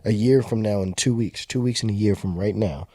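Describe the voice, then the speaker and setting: A man in his late twenties co-hosting a podcast, talking casually in loose slang and getting animated when he jokes. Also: on the low side, brisk, no echo, clean studio sound. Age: 20s. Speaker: podcast co-host. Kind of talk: casual chat.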